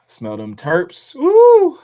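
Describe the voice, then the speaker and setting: A man hosting a livestream from home, talking loosely and with plenty of swearing. He is animated, and he swings from low, easy asides up to high mocking voices. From born in upstate New York, raised in the DC area. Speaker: livestream host. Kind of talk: casual livestream commentary. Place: home in Columbus, Ohio.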